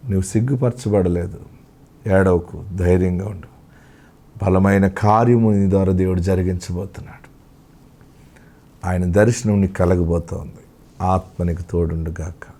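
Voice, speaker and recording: Male pastor preaching hard, gravelly low dark voice, keeps repeating the verse. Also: fairly even intonation, moderate pace, pauses often. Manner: impassioned, repetitive preaching, voices listeners' laments. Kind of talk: devotional sermon on a scripture promise.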